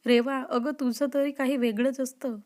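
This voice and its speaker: A woman reading the lines of a shy young college woman, flustered and mildly scolding her friend, in a high voice. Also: steady tone, moderate pace, a little mellow, lightly acted.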